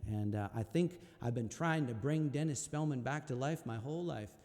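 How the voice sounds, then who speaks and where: Man telling a slow, hushed story. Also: mid-range voice, in a large hall. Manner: slow, hushed, reflective telling with halting repeats. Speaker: folk singer telling a story between songs. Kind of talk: spoken storytelling at a live-streamed concert.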